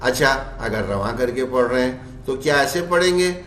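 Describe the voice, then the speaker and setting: A man teaching Quran recitation rules. He puts questions to his class and answers them himself, and he chants the example verses slowly. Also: medium pitch, lively intonation, fairly bright tone, reverberant, slight background noise.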